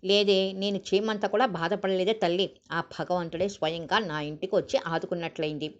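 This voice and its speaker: Lady putting on an emotional old granny, loud and affectionate, lo-fi sound. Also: on the low side, fairly even intonation, brisk, natural voice. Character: loving old grandmother, emotional, devout. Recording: dull lo-fi recording.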